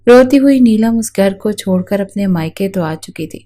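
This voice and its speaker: A woman narrating a romantic drama story in a steady, dramatic reading. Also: mid-range voice.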